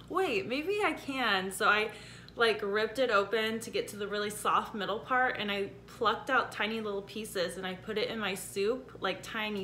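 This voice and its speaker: A woman's voice: mid-range voice, sharp tone, a little hiss or hum. A woman in her thirties chatting casually to camera at home, talking with a sore, stiff jaw and a numb lip that slightly hampers her articulation. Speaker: vlogger giving a surgery recovery update. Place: indoor room at home.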